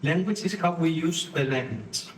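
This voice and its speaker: A man from Spain with a Spanish accent, giving a live conference talk with halting phrasing and frequent restarts while acting out postures and inner voices for the audience. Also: on the high side. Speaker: conference speaker. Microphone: distant room mic. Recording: echoey room from far off, faint noise.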